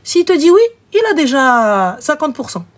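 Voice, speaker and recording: A woman hosting a live show, giving frank, animated relationship advice and acting out little scenes. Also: high-pitched, moderate pace. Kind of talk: casual advice chat.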